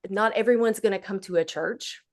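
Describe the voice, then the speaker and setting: A woman's voice: medium pitch, a little fast. A woman with an Appalachian accent chatting casually as an interview guest, in a folksy, unflattened dialect. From Appalachia, United States.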